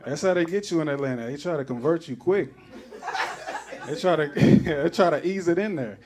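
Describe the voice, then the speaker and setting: A man's voice: a little high, moderate pace, noisy background. A man doing a loose, rambling stand-up comedy set on a club stage, acting out other people's voices. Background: audience laughter.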